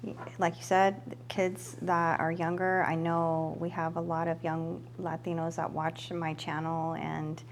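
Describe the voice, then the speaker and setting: Host: woman with a lowish voice, affirming and encouraging, quick to laugh, faint noise behind. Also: flat delivery. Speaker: podcast host. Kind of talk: casual interview chat.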